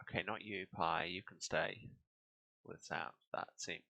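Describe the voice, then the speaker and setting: A man's voice: deep voice, steady tone, measured pace, gravelly, muffled recording. A man giving casual, off-the-cuff gameplay commentary as the host of a playthrough. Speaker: let's play host. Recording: loud game music behind the voice. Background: game music.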